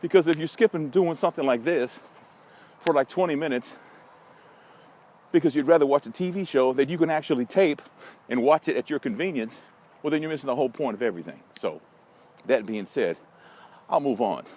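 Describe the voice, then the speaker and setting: An American man who vlogs and does social media marketing consulting chats bluntly to listeners on a park walk, rambling with wry, folksy asides. His medium-pitched, slightly mellow voice is lively and fairly quick, though he leaves long pauses. The outdoor recording is noisy with passing vehicles and city sounds.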